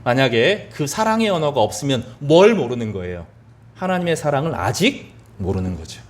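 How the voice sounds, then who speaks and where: A man's voice: mid-range voice, big pitch swings, moderate pace. A male pastor giving a sermon, asking the congregation questions and answering them himself, repeating words for emphasis.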